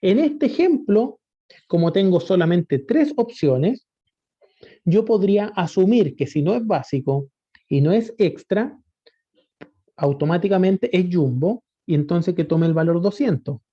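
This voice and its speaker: A man with a high-sitting, warm, animated voice teaches a spreadsheet lesson at a measured pace. He patiently asks rhetorical questions and often checks that students are keeping up. The recording sounds dull and lo-fi.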